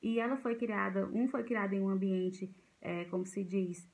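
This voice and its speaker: A woman's voice: medium pitch, normal speed, darkish tone, low-quality recording. A woman giving an informal talk to parents about raising children, speaking conversationally with frequent fillers and restarts. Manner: conversational, repeats herself, many fillers and restarts. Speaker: parenting educator.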